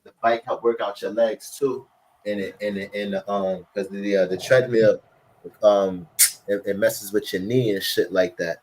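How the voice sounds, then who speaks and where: A man's voice: fairly low pitch, steady tone, normal speed, darkish tone, rough recording. A man, rambling through casual slangy chat and often checking in with the listener. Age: late 30s.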